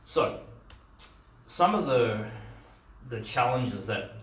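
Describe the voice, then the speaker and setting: A middle-aged Australian meetup speaker delivers a conference talk conversationally, with many fillers and restarts. His mid-range, slightly bright voice is expressive, and he draws out his words. The audio comes from a far camera in a dim, echoey room with a projector screen.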